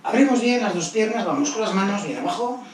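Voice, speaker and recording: A man's voice: sits high, expressive, noisy background. Man counting reps in a very echoey room. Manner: counts repetitions aloud and gives brisk encouraging cues. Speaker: fitness instructor. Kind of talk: guided exercise class. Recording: very echoey room, voice distant from mic.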